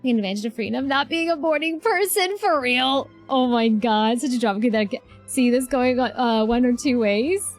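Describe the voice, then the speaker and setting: A woman streaming a game chats casually and effusively, repeating herself as she reacts and talking back to the characters. Her voice is a little high, at normal speed with few pauses, and game music plays in the background.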